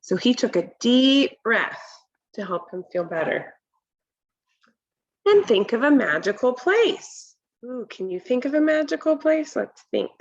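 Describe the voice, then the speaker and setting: In a home kitchen, a woman with a higher-pitched voice slowly reads a children's picture book aloud and adds her own commentary. She presents to kids in a deliberate, instructional, expressive way and asks her listeners questions. The recording sounds muffled.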